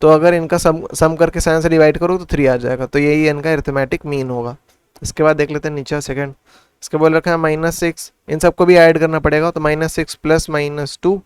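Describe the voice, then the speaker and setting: Maths tutor, male, slightly high crisp voice, talks through sums in Hindi-English, dry close recording. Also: no room sound. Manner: asks and answers his own questions. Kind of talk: casual classroom explanation.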